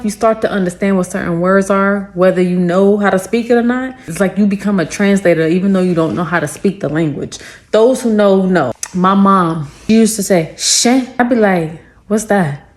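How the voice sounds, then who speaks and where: A young adult woman, telling a casual storytime and breaking into lively, high-pitched quoted voices. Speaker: storytime creator.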